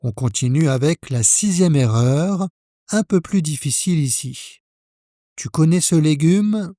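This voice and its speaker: A man from France teaching French pronunciation, speaking slowly and carefully, spelling out each sound for the learner. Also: a little high, warm tone, dry recording, studio quality. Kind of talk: pronunciation lesson.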